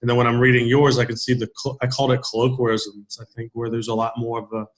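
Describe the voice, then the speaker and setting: A man's voice: mid-range voice, flat delivery, fast talker. A man giving casual, encouraging peer feedback on a video call, rambling with many restarts. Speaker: peer reviewer.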